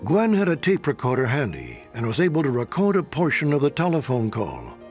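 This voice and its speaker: A man's voice: mid-range voice, huge pitch swings, brisk, a little mellow, soft background music. A man narrating a documentary in a grave, dramatic manner.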